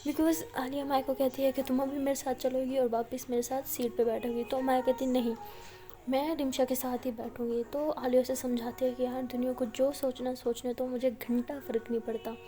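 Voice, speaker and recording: Indian woman chatting through a love story, high voice, warm and mellow, lots of fillers. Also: flat delivery, moderate pace, faint music behind. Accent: Indian Hindi-Urdu. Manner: chatty, retells dialogue in indirect speech with fillers. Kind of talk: casual spoken retelling of a love story.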